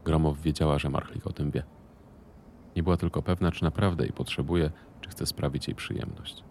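A man narrating an audiobook in a steady, even reading voice. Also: a bass voice, fairly quick, a little hiss or hum.

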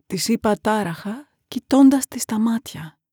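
Hushed husky woman narrating horror. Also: a little high, lively intonation, no echo, studio quality. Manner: hushed, dramatic, often half-whispered.

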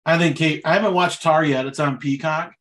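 A man co-hosting a podcast, chatting casually about movies in a relaxed way with loose fillers. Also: fairly high pitch, a little fast. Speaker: podcast co-host.

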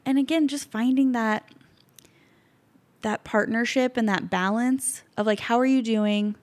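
A woman's voice: on the high side, unhurried. Reflective woman podcast co-host. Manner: reflective, thoughtful, trailing off and restarting. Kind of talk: casual chat.

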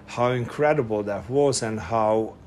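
In a lowish, slightly mellow voice, a middle-aged guest from Hungary chats casually at a measured pace, with a Hungarian accent. He pauses on fillers, restarts frequently and laughs often, with slight background noise present.

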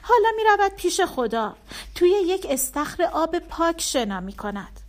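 A woman voicing a gentle soothing mother. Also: extremely high pitch, sing-song, voice pushed up. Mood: tender. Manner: soft, tender reassurance. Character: gentle mother soothing her young son.

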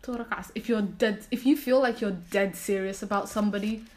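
A woman co-hosting a podcast in casual chat, slangy and animated, acting out quotes. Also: mid-range voice, fairly quick. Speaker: podcast co-host.

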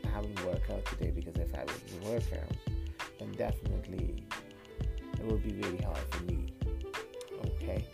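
Recorded on a phone, a man in his late twenties with a Kashmiri accent hosts a podcast, giving a casual personal monologue haltingly and often repeating words. His voice is lowish and gravelly.

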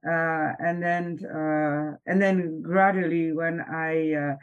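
A middle-aged woman from Vietnam, a professor and founder telling her story in an interview, speaking in a measured way with frequent pauses. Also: sits low, fairly even intonation, clean tone, phone-quality sound. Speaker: business school professor and founder, interview guest.

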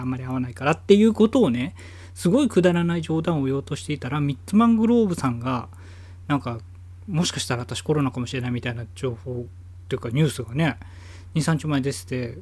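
A man's voice: a little high, a little mellow, no echo. A man hosting his own podcast from home, rambling casually with many fillers. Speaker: podcast host. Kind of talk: casual solo podcast talk.

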